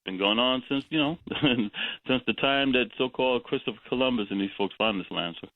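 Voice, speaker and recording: A man's voice: medium pitch, a little fast, no echo. A man calling in to a radio talk show, talking emphatically and going off on tangents, chuckling between his points. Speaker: caller. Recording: tinny phone line.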